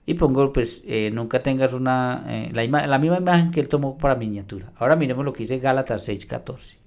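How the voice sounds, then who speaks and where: Man, Bible teacher, mid-pitched voice, emphatic verse-reading, confronts a rival pastor. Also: a little fast, darkish tone. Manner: emphatic, reads verses aloud and argues; addresses a rival pastor directly. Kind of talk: video response on scripture.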